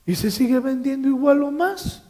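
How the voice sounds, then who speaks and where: A man's voice: very high-pitched, animated, normal speed, darkish tone. A man preaching a sermon as pastor, emphatic, repeating key phrases and quizzing his congregation with joking asides. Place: church.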